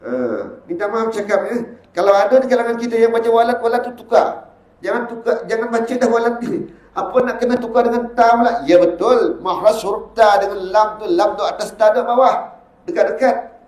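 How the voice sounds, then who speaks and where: A man with a Malaysian Malay accent, a religious teacher giving a Quran recitation lesson. He chants drawn-out verses as examples, then explains them briskly. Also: very high-pitched, fairly even intonation, darkish tone. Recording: echoey room.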